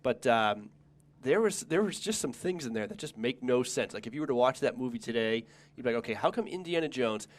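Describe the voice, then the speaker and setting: A man's voice: medium pitch, fairly quick. A middle-aged man hosting a show with casual, conversational banter. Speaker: show host.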